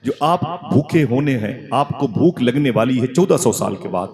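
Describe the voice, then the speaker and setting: A male preacher delivering an emotional sermon in a rhythmic, dramatic storytelling manner, prompting responses from the crowd. The live gathering around him is clearly heard. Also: medium pitch, lively intonation, normal speed. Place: religious gathering before a crowd.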